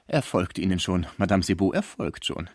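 A man's voice: sits low, sing-song, moderate pace, no echo, studio quality. A man reading aloud and voicing a kindly, flustered older musician with a German accent, earnest and anxious.

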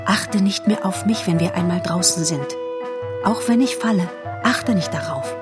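A woman voicing an anxious, tender mother deer with soft, urgent warnings. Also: fairly low pitch, normal speed, music in the background, close to an everyday voice.

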